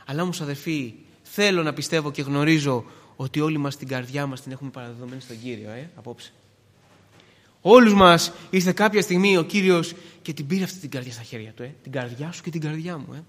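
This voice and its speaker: A man around forty preaching a sermon, swinging between hushed words and loud emphatic pleas, repeating phrases with many filler "eh"s. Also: fairly high pitch, in a large hall.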